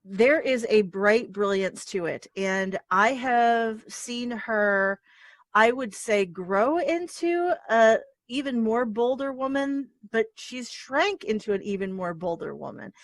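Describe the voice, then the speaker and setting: A talk show host, this woman speaks in a fairly high voice. She is effusive and animated, laughing easily. The sound is dry and close. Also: takes it slowly, no room sound. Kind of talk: casual interview chat.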